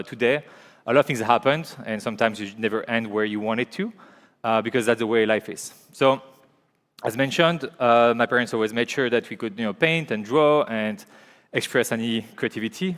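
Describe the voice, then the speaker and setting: A man in his forties speaks with a French-speaking Belgian accent at a conference, hesitant and chatty. His voice is smooth and resonant. A long reverb from the large hall trails behind him. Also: medium pitch, fairly bright tone. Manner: hesitant, conversational, many fillers and restarts. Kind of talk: conference talk.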